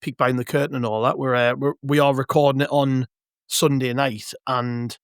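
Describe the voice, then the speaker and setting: A man with a croaky, hoarse voice, chatting casually about football as a podcast panellist. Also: mid-range voice, little pitch movement, moderate pace, dry recording, studio quality. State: croaky, hoarse voice from shouting at a match.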